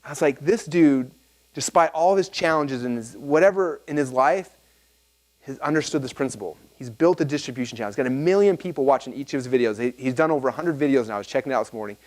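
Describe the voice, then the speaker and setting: Fast-talking man giving a seminar talk. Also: medium pitch. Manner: rambling, animated storytelling with many fillers and restarts. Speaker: marketing seminar speaker. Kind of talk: live seminar talk to an audience.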